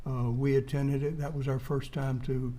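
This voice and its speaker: A man giving courtroom testimony as a witness in a hesitant, halting, understated way. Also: mid-range voice, flat delivery, mellow.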